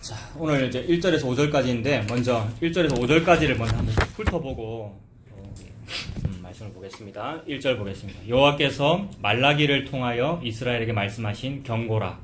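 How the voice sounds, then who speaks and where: A man's voice: mid-range voice, brisk, background noise. A man preaching an expository sermon, talking in a conversational way and asking the congregation questions. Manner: acts out quoted complaints in a mocking dialect voice. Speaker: pastor. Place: church sanctuary. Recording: echoey church room, faint ambience.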